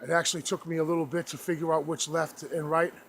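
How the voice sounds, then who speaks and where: A man talking casually to his vlog viewers, halting and rambling as he trudges through snow outdoors. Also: on the high side, flat delivery, gravelly. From New England, United States. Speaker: outdoor vlogger. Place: outdoors on a snowy forest trail. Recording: noisy outdoor audio with clicks.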